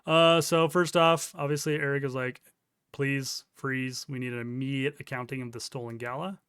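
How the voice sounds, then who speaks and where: A man's voice: mid-range voice, flat delivery, normal speed, a bit bright, clear, resonant tone, no echo, clean studio sound. A man giving casual commentary while reading court documents aloud, with sarcastic, incredulous asides. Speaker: crypto news commentator.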